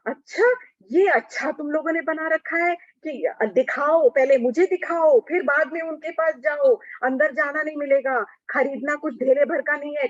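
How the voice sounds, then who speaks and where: A woman voicing Krishna disguised as a proud village goldsmith woman, sharp-tongued and huffy. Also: on the high side, husky, no echo. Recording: dull lo-fi recording.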